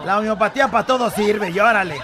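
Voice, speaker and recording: A man's voice: high voice, fast, noisy background. A man co-hosting a radio show, cracking jokes and throwing in mock-outraged asides. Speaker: radio co-host. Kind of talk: joking radio banter.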